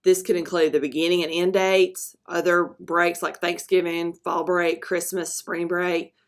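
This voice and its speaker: Woman narrating a screencast, somewhat low voice. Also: little pitch movement. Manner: halting, with frequent ums and self-corrections. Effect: narration recorded over a screen recording. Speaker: school dual enrollment presenter. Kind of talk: screencast presentation voice-over.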